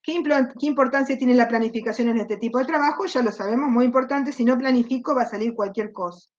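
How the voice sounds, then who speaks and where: A woman's voice: fairly high pitch, quick pace. Patient Argentine woman teaching online. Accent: Rioplatense Spanish. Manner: explains patiently, repeats points, asks the class questions. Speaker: university teacher. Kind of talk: online class lecture. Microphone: computer mic on a video call. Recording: dull lo-fi video call audio.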